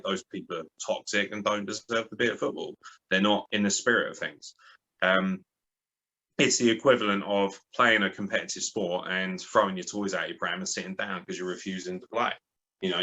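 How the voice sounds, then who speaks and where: A man's voice: low-pitched, pushed and bright, poor audio. Blunt, sweary man. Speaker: interview guest. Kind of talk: casual storytelling interview.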